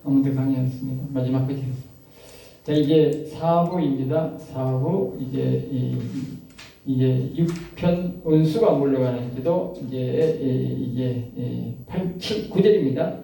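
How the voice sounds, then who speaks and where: A man pastor giving an emphatic sermon-style lecture, repeating his phrases and prodding listeners with quick questions, his pitch and loudness swinging dramatically. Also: gravelly, distant mic. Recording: roomy echo, voice off-mic.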